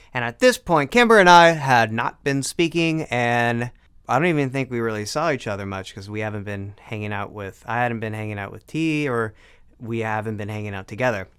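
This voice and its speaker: A man's voice: medium pitch, a bit bright, smooth. A man in his thirties, co-host of a couple's channel, chatting casually with joking interjections and a reflective tone when telling his side. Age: 30s. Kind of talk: casual storytelling chat.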